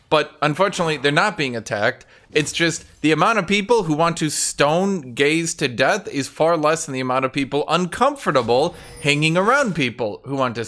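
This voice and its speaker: A man's voice: fairly high pitch, a bit bright. A young man streaming a game, talking casually and sarcastically to his chat and swearing freely. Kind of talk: casual live-stream commentary.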